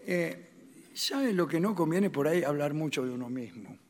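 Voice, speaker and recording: A man's voice: on the high side, lively intonation, normal speed, in a large hall. A man with a Rioplatense Argentine accent doing improvised comic banter on a radio show, rambling and acting out the voices in his stories. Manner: rambling, acts out quoted voices with shouts and laughs.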